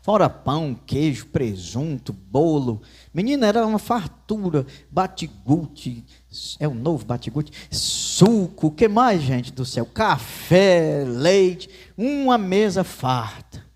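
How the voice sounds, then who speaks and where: A man's voice: a little high, sing-song, takes it slowly, breathy edge. A man with a Northeastern Brazilian accent, a pastor preaching a sermon in church with folksy asides and storytelling.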